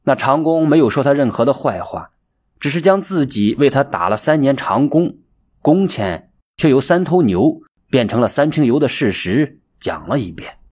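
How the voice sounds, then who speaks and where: Expressive husky male storyteller. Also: mid-range voice, moderate pace. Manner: expressive, dramatic narration. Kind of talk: audiobook storytelling.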